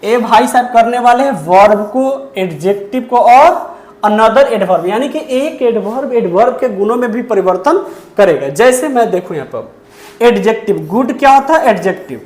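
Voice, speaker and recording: A woman teaching a grammar lesson, who poses questions and answers them herself and repeats key terms slowly. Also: on the high side, lively intonation, a little mellow, reverberant.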